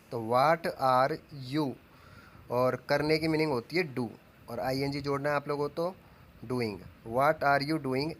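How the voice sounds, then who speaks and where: A man teaching English grammar as a lesson, dictating example sentences slowly and asking questions that he answers himself. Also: mid-range voice, a little hiss or hum. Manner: asks the class questions and answers them himself. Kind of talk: classroom-style grammar lesson.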